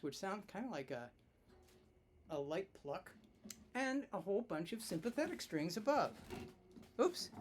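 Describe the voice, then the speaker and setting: A man's voice: fairly high pitch, slight background noise. A man giving a casual hands-on instrument demonstration, chatty and self-mocking, thinking aloud while he tinkers.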